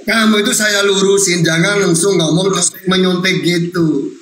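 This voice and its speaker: Teasing high-voiced man debating. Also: fairly even intonation, moderate pace, a loud crowd. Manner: teasing, cuts in often, laughs at opponent. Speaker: host answering questions on religion. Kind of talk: live online debate. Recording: echoey room with noise.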